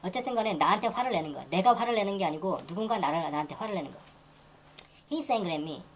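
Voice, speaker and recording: A woman teaching English grammar in a lecture, repeating phrases and reading example sentences very slowly. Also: fairly low pitch, lively intonation, a little hiss or hum, rough recording. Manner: repeats phrases and restarts while explaining.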